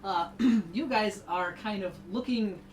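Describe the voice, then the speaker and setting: A woman's voice: medium pitch, a little slow, a little mellow, reverberant, distant mic. A woman running a tabletop game as game master, narrating with many fillers and restarts. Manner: hesitant, lots of fillers and restarts.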